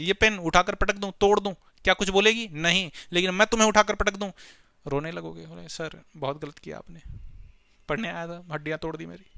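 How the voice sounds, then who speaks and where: A man teaches biology playfully in a high voice that sounds pushed and bright, recorded dry. It's a classroom lecture where he asks questions, answers them himself, and refers to the audience as his children.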